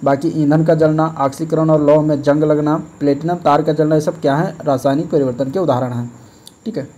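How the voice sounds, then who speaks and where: A man's voice: fairly high pitch, fairly quick. A man teaching as an exam-prep tutor, working through practice questions step by step and often checking in with "okay". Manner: steady explanatory, repeats "ठीक है", frequent fillers. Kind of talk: explaining practice test questions.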